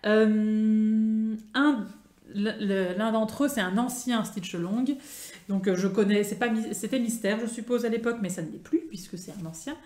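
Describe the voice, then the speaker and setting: A woman's voice: mid-range voice, moderate pace, a little mellow, reverberant. A woman with a French accent chatting casually about her craft projects, with many fillers and restarts. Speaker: craft vlogger. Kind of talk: casual show-and-tell chat.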